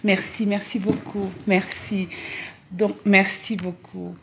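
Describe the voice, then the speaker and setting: A woman from Senegal, talking on a live travel vlog, halting and full of fillers and repeated words. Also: mid-range voice, level tone, gravelly, a little hiss or hum. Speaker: travel vlogger.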